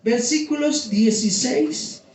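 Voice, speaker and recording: A man's voice: extremely high pitch, slow, darkish tone. A man preaching a teaching sermon to his congregation, explaining terms and asking them questions. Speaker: pastor. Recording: roomy sound from a distance.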